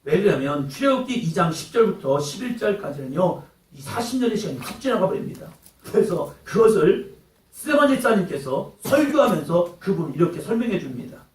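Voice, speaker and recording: A man preaching a sermon in a church, dramatic, swinging between loud outbursts and hushed lines and acting out quoted voices. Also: sits high, very animated, fairly quick. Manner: acts out taunting quotes in character. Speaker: pastor. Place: church hall. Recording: echoey hall, mic at a distance.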